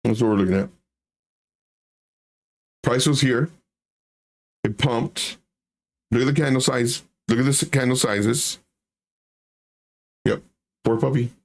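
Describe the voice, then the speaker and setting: A man's voice: medium pitch, slow, long pauses. A man hosting a livestream with casual chart commentary, blunt and emphatic, repeating phrases for effect. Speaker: livestream host, crypto trading commentator.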